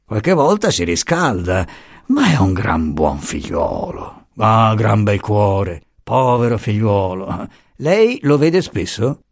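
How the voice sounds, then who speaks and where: A man's voice: fairly low pitch, very animated, no room sound, studio quality, exaggerated voice. A man voicing a sly, fawning older man who coaxes secrets with honeyed, insinuating talk. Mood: coaxing. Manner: honeyed, coaxing, slow and insinuating.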